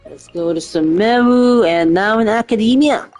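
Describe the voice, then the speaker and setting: This streamer is a man with a high, slightly mellow voice speaking at normal speed. He offers rambling, hesitant, casual commentary on his gameplay, swearing freely, with faint game music in the background.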